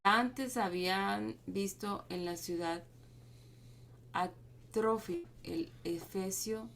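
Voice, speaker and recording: A woman reading scripture aloud to a group, steady but with small stumbles and restarts. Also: medium pitch, takes it slowly, vocal fry, a little hiss or hum. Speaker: Bible reading leader.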